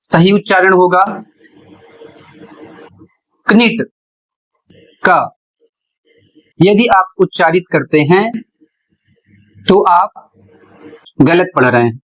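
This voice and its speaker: A man teaching a classroom lesson, explaining slowly and spelling words out letter by letter. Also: sits high, fairly bright tone, rough recording. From India. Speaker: English teacher.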